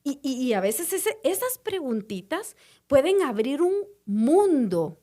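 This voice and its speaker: A woman's voice: high-pitched, very animated, slow, mellow. A woman, a mother and podcast co-host, explaining at length with tag questions and restarts. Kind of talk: casual podcast chat.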